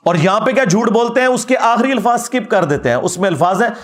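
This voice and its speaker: A man giving an animated, mocking religious rebuttal lecture as a preacher. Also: high-pitched, fast. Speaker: Islamic preacher.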